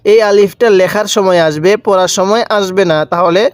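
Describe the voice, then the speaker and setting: A man's voice: high voice, fairly even intonation, fairly quick, dry recording. A man teaching Quran reading step by step, drawing out syllables and repeating letter sounds for the viewer to say back. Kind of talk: step-by-step recitation lesson.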